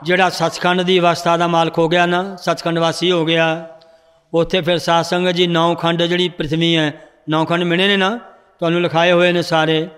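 A male religious teacher explains verses and tells stories to his class. His voice is high and smooth, with a resonant clarity. A long reverb rings through the hall around him. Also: little pitch movement, normal speed, a bit bright. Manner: explanatory, storytelling, corrects students' recitation. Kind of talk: scripture lesson with storytelling.

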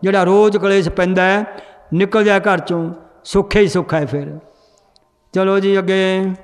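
A man's voice: sits high, fairly even intonation, moderate pace, in a large hall. A man teaching a group how to read and understand scripture, quizzing the class and then answering himself. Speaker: Gurbani grammar teacher.

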